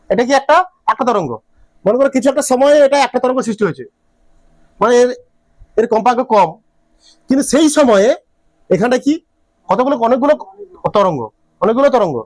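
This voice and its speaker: A man's voice: very high-pitched, animated, brisk, long pauses, a little mellow, no echo. A man teaching a physics class, repeating his questions to the students and checking often that they follow. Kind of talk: classroom lecture.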